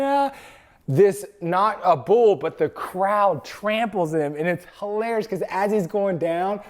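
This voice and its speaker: A young man vlogging to camera, telling a story with excitement and acting out the screams and quotes of others. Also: fairly high pitch. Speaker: travel vlogger.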